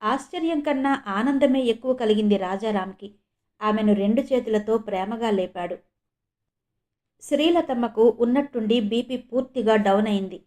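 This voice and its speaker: A woman from India narrating a novel as an audiobook in a calm, steady storytelling manner. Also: fairly high pitch, moderate pace. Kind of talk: novel reading.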